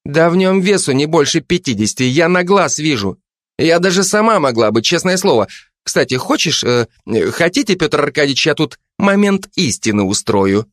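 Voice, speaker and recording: A man voicing a brash, domineering female police investigator with a loud, scolding manner in an audiobook. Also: on the high side, lively intonation, normal speed, no echo, clean studio sound, voice pushed up, close to an everyday voice. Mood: aggressive. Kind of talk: audiobook character voice.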